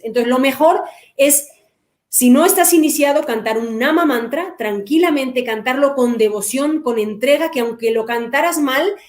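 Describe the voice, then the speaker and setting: A woman hosting an interview who summarizes and translates the guest's answers clearly. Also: high-pitched, darkish tone. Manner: summarizing clearly, switching between English and Spanish. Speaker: host and interpreter. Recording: roomy echo.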